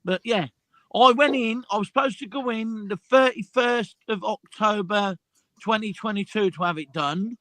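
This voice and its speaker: A man in his fifties with a high, bright voice, chatting casually with friends. He stumbles and repeats words as he goes. The sound is close and dry. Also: moderate pace, dry recording. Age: 50s. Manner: stammering, repeats himself. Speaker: group chat participant. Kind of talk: casual group chat.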